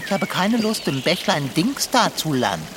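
An actor playing a grumpy, whiny talking tomcat with a lordly, fussy way of speaking in a children's radio play. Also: male voice, fairly high pitch, big pitch swings, moderate pace, noisy background. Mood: grumbling. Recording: outdoor nature ambience behind.

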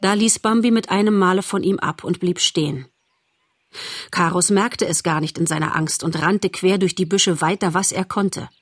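A woman narrating a storybook audiobook in a measured, expressive storytelling voice. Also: fairly low pitch.

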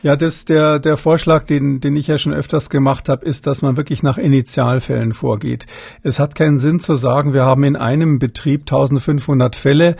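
A man's voice: medium pitch, steady tone, a little fast, gravelly, a little mellow, breathy edge, dry recording, clean studio sound. A man answering interview questions as an expert guest, hesitant, with many fillers and restarts.

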